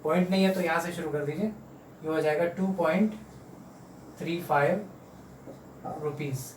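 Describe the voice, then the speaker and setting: A man teaching a home math lesson to children, patiently repeating each number slowly. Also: on the high side, recorded from a distance. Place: room at home. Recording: roomy, off-mic, faint hum.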